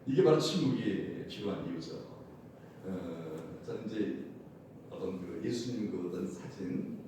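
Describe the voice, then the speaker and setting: Animated pastor preaching in an echoey church. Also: male voice, measured pace. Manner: animated, shouts acted crowd cries, laughs often. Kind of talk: sermon. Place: church sanctuary. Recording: loud echo, from far off, faint rumble.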